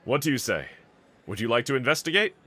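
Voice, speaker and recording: In an audio roleplay for a trusted companion, a man performs a bold anime swordsman, a demon slayer who is earnest and reassuring underneath. He uses formal, courteous sentences and talks fast, his bright voice swinging animatedly in pitch. He comes across as curious and puzzled.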